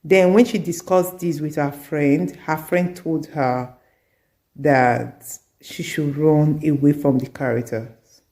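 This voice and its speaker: A woman's voice: low-pitched, steady tone, takes it slowly, warm tone. A middle-aged woman, telling a story in an earnest advice vlog and repeating her points for emphasis. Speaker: community advice vlogger.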